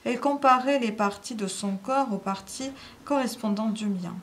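A woman reading a classic novel aloud, giving measured first-person literary narration. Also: fairly high pitch, a little hiss or hum. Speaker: reader.

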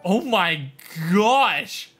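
A man's voice: sits high, very animated, extremely slow, over music. A man streaming, reacting to videos with amused exclamations and laughter. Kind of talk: live-stream reaction commentary.

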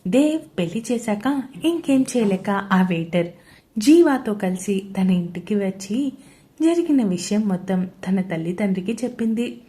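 A woman storyteller narrating a romance audio story in a steady manner. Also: mid-range voice, measured pace.

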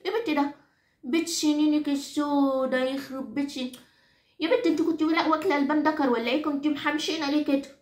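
A woman's voice: high voice, steady tone, quick pace, a little mellow, roomy sound, close to an everyday voice. A woman playing a nagging Egyptian grandmother of nearly ninety who is henpecked by her husband. She rants in an Egyptian Arabic accent, scolds, repeats herself and swears exaggerated oaths. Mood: scolding rant. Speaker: comic character monologue. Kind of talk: comic rant to the audience.

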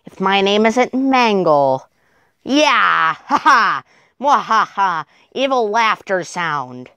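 A woman voicing a scheming plush fox villain with slow, theatrical menace in an amateur puppet show. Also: medium pitch, big pitch swings, a bit bright, clear, resonant tone, dry recording, studio quality, exaggerated voice. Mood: gloating menace.

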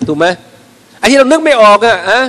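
A man's voice: very high voice, brisk. A man, a religious teacher, gives an informal lecture and livens it up by acting out small everyday scenes. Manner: lively storyteller who acts out little everyday scenes. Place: mosque prayer hall. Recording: long reverb of a large prayer hall.

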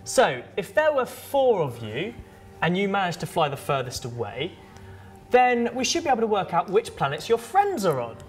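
A woman's voice: medium pitch, huge pitch swings, normal speed, faint music behind. A woman co-presenting a children's show, cheerful and explaining things step by step.

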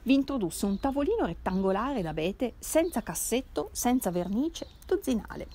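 Expressive woman reading a novel aloud. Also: on the high side, normal speed. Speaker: reader.

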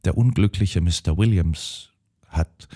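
A man's voice: deep voice, unhurried, warm tone. A man voicing an earnest elderly spinster sister in an audiobook. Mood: firm. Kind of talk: audiobook character voice.

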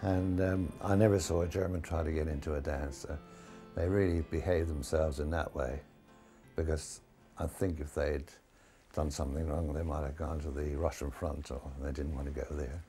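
A man's voice: extremely low pitch, steady tone, normal speed, warm tone, faint music behind. An older man recalling dances in wartime in a frank, conversational way. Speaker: interviewee recalling wartime occupation. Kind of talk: reminiscing testimony.

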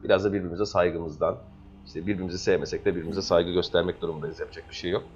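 A man's voice: deep voice, fairly even intonation, racing, a little mellow, dull audio, a little hiss or hum. A man hosting a gaming channel, giving rambling, self-joking commentary while he plays. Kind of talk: casual let's-play commentary. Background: game audio and music.

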